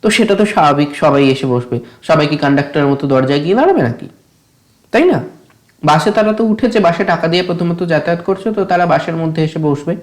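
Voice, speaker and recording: A woman teacher with a Bengali accent works through an English text. She reads each English line slowly and deliberately, then explains it at length in Bengali, often pausing to ask whether her students have understood. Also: sits low, animated. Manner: often asks "ঠিক আছে?" to check understanding.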